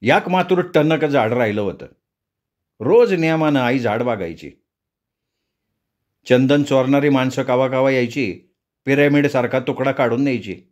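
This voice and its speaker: A man narrating a story in a folksy rural dialect, recounting events at a measured pace. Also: medium pitch, a little mellow.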